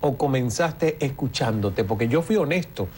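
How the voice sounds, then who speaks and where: A man's voice: mid-range voice, expressive, moderate pace, darkish tone, a little hiss or hum. A man hosting a television interview, asking questions and affirming his guest often. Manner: attentive, frequent affirming interjections. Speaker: interview host.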